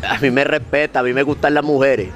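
A man's voice: medium pitch, brisk, music in the background, a crowd in the background, close to an everyday voice. A man doing a bumbling fake Puerto Rican rapper. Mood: clueless. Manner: mock Caribbean drawl, confused rambling. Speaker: comedian. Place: outdoor balcony. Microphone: handheld mic.

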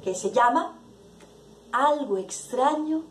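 A woman telling a folk tale in a lively, playful way, with asides to her listeners. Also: high-pitched, slow, recorded from a distance. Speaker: storyteller. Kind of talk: storytelling for listeners. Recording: roomy sound from away from the mic.

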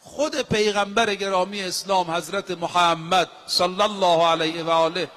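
A man's voice: high-pitched, fairly even intonation, a bit bright. A male preacher giving a sermon, emphatic, with rhetorical questions and repeated phrases. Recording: long hall reverb.

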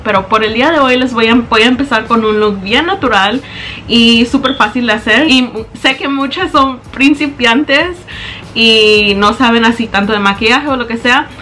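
In a small bedroom, a young beauty vlogger explains her makeup routine step by step to a close-range camera in front of her, chatting in Spanish with English words mixed in. Her voice is on the high side with a sharp tone, and there's slight background noise.

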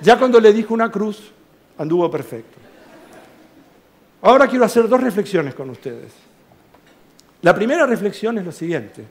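Argentine man in his sixties, high voice, lively storyteller on a theater stage acting out dialogue. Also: moderate pace, pauses often. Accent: Argentine Spanish. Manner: animated anecdote with quoted dialogue and asides. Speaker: author presenting his book. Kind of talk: storytelling talk to a theater audience.

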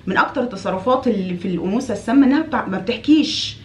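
Fast, animated Egyptian woman coach. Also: roomy sound, a little hiss or hum. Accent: Egyptian Arabic. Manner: animated, acts out quoted wives with big pitch jumps; direct, scolding, repeats phrases for emphasis. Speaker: relationship coach. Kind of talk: advice talk to women.

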